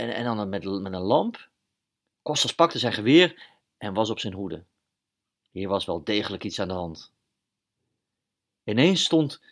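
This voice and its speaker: A man narrating a children's story in an animated, halting way, often repeating words. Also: medium pitch.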